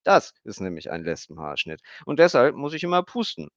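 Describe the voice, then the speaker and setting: A man's voice: mid-range voice, wildly swooping pitch, fairly quick, no echo, voice pushed up. A blunt, know-it-all little girl from a storybook who rattles off facts in a matter-of-fact, lecturing way, as a male narrator puts her on. Her voice sits well above his own. The recording is dry and a little dull. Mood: chatty.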